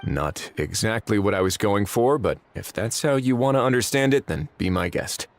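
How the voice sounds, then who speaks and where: An actor playing a calm, businesslike male police official in a game, measured and dry. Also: fairly low pitch, faint music behind. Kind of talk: game voice acting.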